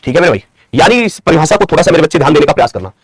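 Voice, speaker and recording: A man's voice: on the high side, very animated, racing, slightly rough, no room sound. A man teaching an online Hindi grammar class, repeating each point as a question and its answer, calling his students his children and brothers, and dictating definitions word by word. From India. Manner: affectionate teacher's address to students.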